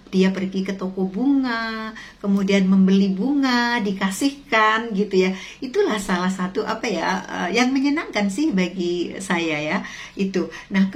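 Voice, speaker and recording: A middle-aged woman from Indonesia telling chatty stories to camera with many fillers and asides to her viewers. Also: mid-range voice. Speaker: lecturer sharing stories about Japan. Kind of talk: casual storytelling to camera. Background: faint music.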